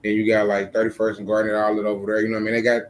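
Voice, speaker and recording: Man, channel host, quick easygoing talk, fillers everywhere. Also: on the low side, completely flat delivery, a little hiss or hum. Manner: easygoing, lots of "you know what I'm saying". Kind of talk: casual interview chat.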